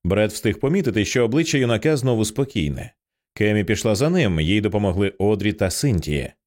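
A male narrator reads a thriller audiobook with expressive, tense delivery. His voice is on the low side. His pitch moves a great deal from phrase to phrase. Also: a little fast.

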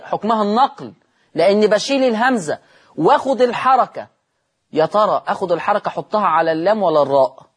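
On television, a man with an Egyptian Arabic accent and a high, husky voice leads a recitation lesson. He poses questions and answers them himself, stretching out the example words slowly.

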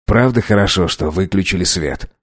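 A man's voice: mid-range voice, sing-song, moderate pace, darkish tone, dry recording, clean studio sound. A man playing a cocky, teasing young heir. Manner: brash, teasing, playful.

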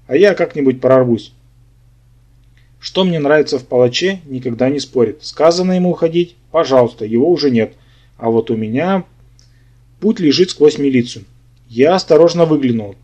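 Wry male audiobook narrator, mellow tone. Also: a little high. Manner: wry, sardonic storytelling. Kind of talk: first-person humorous fantasy narration. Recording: dull lo-fi audiobook recording.

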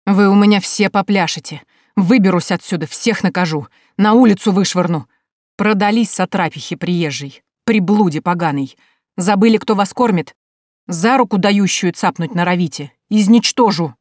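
A woman reading an audiobook, voicing an enraged drunken middle-aged uncle who shouts threats and insults through a locked door. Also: mid-range voice, normal speed, dry recording, studio quality, lightly acted. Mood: furious. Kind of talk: audiobook character voice.

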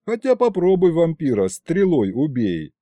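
A man voicing an eager, excitable young man who speaks in a raised, lively voice. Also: a little high, unhurried, no room sound, voice pushed up. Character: eager young man, tsar's adopted son and clerk.

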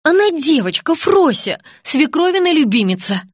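A woman's voice: sing-song, moderate pace, no echo, studio quality. A woman reading an audiobook, voicing a hysterical, whining young blonde. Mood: shrill. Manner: shrill, whining.

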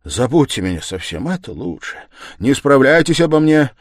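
A man voicing a troubled, brooding young man who speaks in a halting, strained and insistent way. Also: mid-range voice, sing-song, dry recording, studio quality, voice pushed up.

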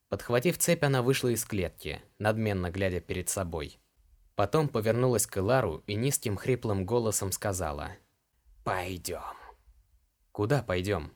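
A male narrator reads an audiobook in a fairly low voice. His delivery is steady and even.

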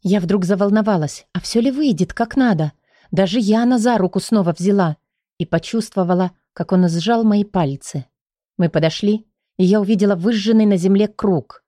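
A woman tells a fantasy story in the first person and reads it with feeling. Her voice sits at a mid pitch. The recording is dry and close, with no room sound. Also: normal speed, warm tone, no room sound. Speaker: audiobook narrator.

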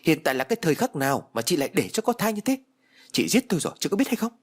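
A man voicing a harsh, domineering old mother-in-law who scolds and shouts in an audiobook. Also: mid-range voice, sing-song, fast talker, husky. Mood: furious scolding. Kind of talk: audiobook character voice.

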